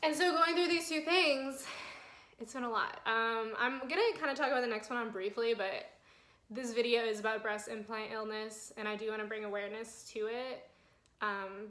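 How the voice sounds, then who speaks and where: A woman's voice: fairly high pitch, a bit bright, echoey room. A young woman in her twenties telling her health story to a phone camera, flustered and holding back tears, with many fillers. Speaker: vlogger. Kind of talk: personal health vlog. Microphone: phone camera mic.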